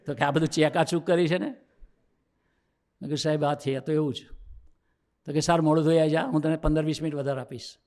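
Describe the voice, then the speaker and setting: A man's voice: a little high, fairly even intonation, fairly quick, pauses often, a little mellow. A man with a Gujarati accent, a swami, gives a youth sermon as a personal story, acting out the dialogue and rising into emphatic preaching. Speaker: swami giving a youth discourse.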